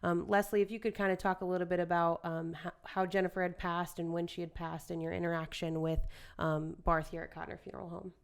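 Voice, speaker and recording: A woman podcast host asks her guest a question. Her voice stays flat in pitch and sounds smooth and clear, and her delivery is gentle and hesitant. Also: fairly quick, few pauses. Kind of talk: interview questions.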